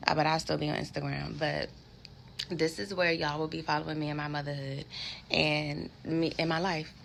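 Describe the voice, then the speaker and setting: A woman's voice: low voice, flat delivery, normal speed, creaky, fairly bright tone, a little hiss or hum. A woman in her twenties, a vlogger, candidly telling viewers a personal story in casual talk and swearing freely.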